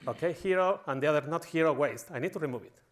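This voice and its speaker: Speaking fast with a fairly high voice, this conference speaker from Spain delivers a funny talk in a mock-villainous, tongue-in-cheek way. His Spanish accent comes through.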